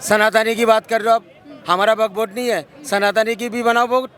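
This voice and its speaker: His delivery is brisk and flat, his voice high and fairly bright. He cuts in repeatedly during a heated street interview, arguing his case on a city sidewalk. Bystanders gather and murmur in the background.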